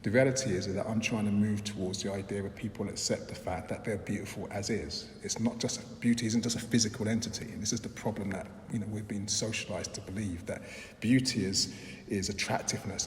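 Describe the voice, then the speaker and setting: A low-voiced man from London, a filmmaker and lecturer, offers reflective interview answers with fairly even intonation. Thoughtful and measured, he often says "um" and begins again. The echoey hall leaves long reverb and a faint wash of background noise.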